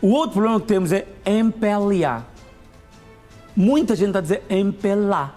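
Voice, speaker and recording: A man's voice: sits high, normal speed, a little mellow. Angolan male language teacher, methodical explainer, faint music bed. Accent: Angolan Portuguese. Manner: patient, methodical, explains step by step. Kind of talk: explaining grammar on a morning show.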